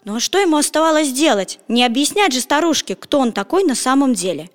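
Brief: expressive woman narrating a storybook, high and animated, reverberant sound. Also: brisk. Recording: long echoing reverb.

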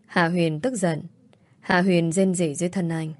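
A woman reading an audiobook story aloud in a steady, even narrating voice. Her pitch sits a little low. The recording is close and dry. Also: a little slow, no room sound.

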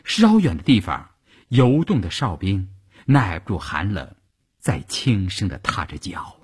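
A man narrating a story for a storytelling broadcast in a slow, expressive way. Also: low voice, breathy edge.

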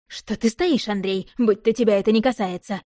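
A woman's voice: moderate pace, warm tone, no echo, natural voice. A woman voicing a distraught middle-aged mother who scolds her son, reproachful and close to tears. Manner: shrill, reproachful, near tears.

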